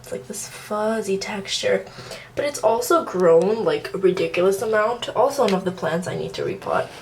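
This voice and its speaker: Very animated and medium in pitch, a teenage vlogger from southern California talks at a moderate pace with a slight Armenian Russian accent and plenty of fillers. She's giving a casual plant tour of her apartment room and bathroom indoors, on a low-quality recording with slight background noise.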